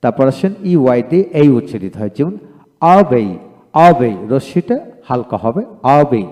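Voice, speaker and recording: A man's voice: animated, moderate pace. Man drilling pronunciation in a reverberant room. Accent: Bangladeshi. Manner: repeats each word twice, stressing it louder and higher. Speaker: English teacher.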